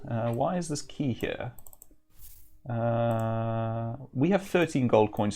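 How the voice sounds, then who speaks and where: A man streams a game in a medium-pitched voice. He thinks aloud casually, dropping dry, musing remarks as he goes. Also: a little mellow.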